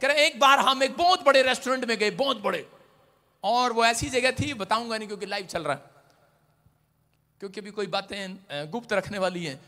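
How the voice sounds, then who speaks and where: A middle-aged man preaching a sermon, telling stories in turns hushed and loudly shouted. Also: sits high, a little fast, in a large hall. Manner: animated, swings from hushed storytelling to loud shouted exclamations. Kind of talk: Hindi sermon with storytelling.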